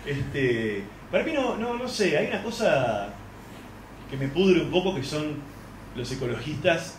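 A man's voice: on the high side, sing-song, unhurried, slight background noise. A man with an Argentine accent doing live stand-up comedy, brash and swearing, working the crowd on a club stage. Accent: Argentine Spanish. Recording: echoey club with loud crowd.

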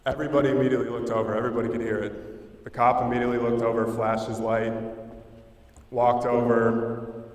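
A young man giving an earnest personal talk at a school assembly, unhurried, with pauses and fillers. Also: mid-range voice, level tone. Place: high school auditorium. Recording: roomy, distant hall sound.

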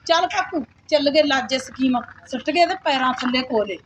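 A woman's voice: sits high, fairly quick, slight background noise, lightly acted. Woman playing a spiteful, scheming stepmother. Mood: gloating. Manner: taunting, scolding, wailing "haye haye". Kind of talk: Punjabi village skit acting.

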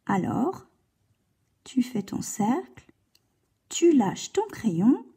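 A woman's voice: a little high, creaky, dark tone, breathy edge. A woman teaching a handwriting lesson to a child, guiding patiently step by step. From France. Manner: slow, patient step-by-step guidance, addressing a child.

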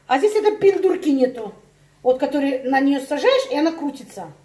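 A woman's voice: high-pitched, animated, fairly quick, mellow, slight background noise. A woman ranting in a casual chat to her viewers, heated and emphatic, repeating herself for effect. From Russian-speaking, living in Spain. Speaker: vlogger.

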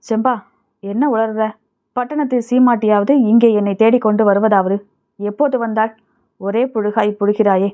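A woman's voice: on the high side, fairly even intonation, moderate pace, natural voice. Woman voicing a bashful young male farmer, pleading, defensive, phone-like audio.

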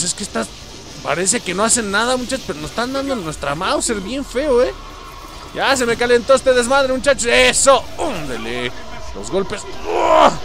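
A man with a Mexican accent giving excited let's-play commentary, yelping, swearing and talking to his viewers. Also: sits high, vocal fry. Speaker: gameplay streamer.

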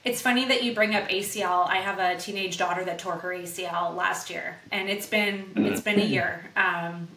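A woman in her forties, a guest telling animated stories in an interview and acting out the dialogue. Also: mid-range voice, normal speed, hardly any pauses, reverberant, slight background noise, low-quality recording. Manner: animated, acts out quoted dialogue. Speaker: guest, microcurrent practitioner. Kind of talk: conversational interview storytelling.

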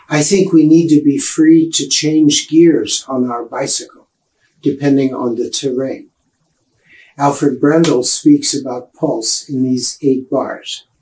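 Slow, measured older man lecturing. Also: mid-range voice, a little mellow, poor audio. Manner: measured, explanatory, unhurried. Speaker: piano professor. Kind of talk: music lecture.

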